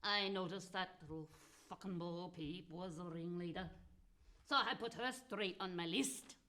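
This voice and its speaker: In a comic storytelling monologue, a woman plays a spiteful, gleeful, foul-mouthed witch, telling funny fairy tales with theatrical cackles. Her fairly low voice moves at a measured pace with a sharp edge. She sounds spiteful and aggrieved.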